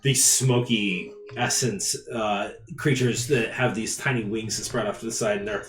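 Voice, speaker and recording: A man's voice: fairly low pitch, fairly even intonation, moderate pace. A man narrating a live tabletop game as game master, laughing often as he talks. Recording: roomy echo, loud background music.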